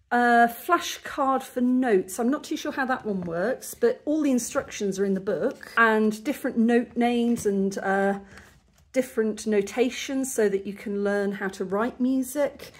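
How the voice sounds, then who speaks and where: A chatty woman from the UK walks through her haul at home, her voice sitting a little high. She talks casually and chuckles often. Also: measured pace. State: slightly out of breath. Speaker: vlogger. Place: home in Rwanda.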